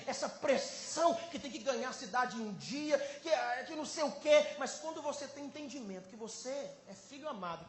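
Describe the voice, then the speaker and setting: A man's voice: very high voice, a little hiss or hum. Man preaching a sermon in a roomy hall. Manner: preaching with big swings from loud exclamation to quiet intimate tones. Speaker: pastor. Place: large conference hall.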